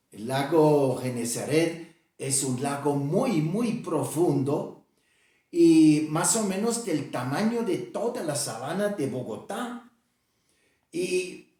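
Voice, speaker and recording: A male pastor preaching a sermon and reading scripture aloud, slow and deliberate with frequent hesitations. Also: a little high, darkish tone. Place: church sanctuary. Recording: very echoey church hall, mic far off.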